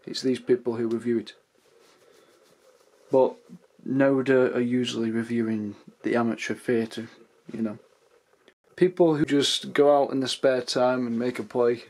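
A young man from England, speaking, rambles casually into his camera at home. He tells stories in a loose, chatty way with a mid-pitched voice. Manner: chatty, rambling, acts out drunk anecdotes in raised voices. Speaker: vlogger. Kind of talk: casual vlog rant. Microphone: camera mic.

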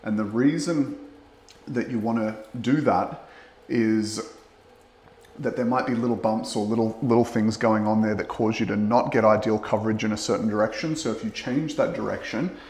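Tradesman type, 30s, easygoing explainer, lowish voice, roomy echo from a bare bathroom. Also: moderate pace. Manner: relaxed, explanatory, with fillers. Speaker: waterproofing expert. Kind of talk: on-site walkthrough explanation. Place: bathroom under renovation, indoors. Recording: echoey small tiled room.

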